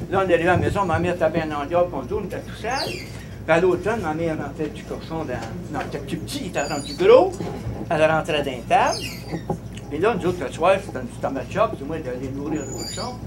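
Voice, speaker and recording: Lively high-voiced Quebec man. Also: background noise. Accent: Quebec French. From Abitibi, Quebec. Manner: animated, laughs, rambling restarts. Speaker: storyteller. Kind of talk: personal anecdote told live.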